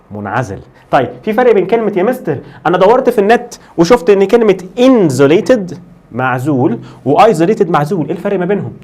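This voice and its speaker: An Egyptian Arabic-accented man teaches an English lesson at a brisk clip. He slows right down to drill English words and keeps answering questions he asks for his students. His pitch sits in an ordinary middle range for a man. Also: a little mellow. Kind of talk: lively classroom lesson.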